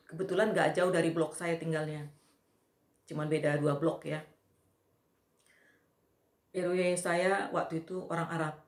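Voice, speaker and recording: A woman giving an earnest eyewitness testimony, telling the story with repetition. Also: lowish voice. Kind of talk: personal testimony. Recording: echoey room.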